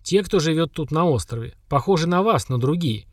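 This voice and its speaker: A man voicing an ancient, simple-minded lake monster, speaking in slow, blunt, flat statements. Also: fairly high pitch, no echo, studio quality. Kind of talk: audiobook character voice.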